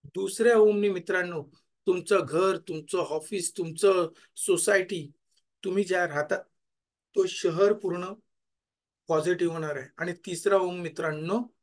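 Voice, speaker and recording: A man, a life coach leading a guided gratitude meditation, who repeats his thanks more and more softly until they trail off. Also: sits high, normal speed.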